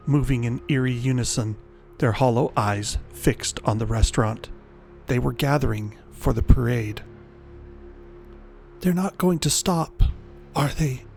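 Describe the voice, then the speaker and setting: A man reading a scripted horror story in a measured, dramatic storytelling style. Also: medium pitch, gravelly, a little mellow.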